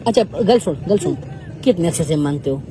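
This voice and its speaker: A man's voice: on the high side, animated, fairly quick, a loud crowd, heavy background noise. A man confronting someone on the street, swinging between pleading and scolding. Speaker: street questioner confronting a beggar.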